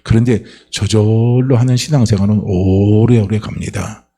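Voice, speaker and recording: A man's voice: fairly low pitch, steady tone, normal speed, mellow. A male pastor giving a conversational sermon, often posing questions to the congregation and answering them himself.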